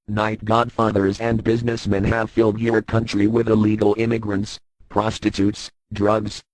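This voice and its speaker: A man reading out an anonymous statement in a disguised deep voice, slow and deliberate. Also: no room sound, poor audio. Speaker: anonymous speaker reading a message. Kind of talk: read-out political statement.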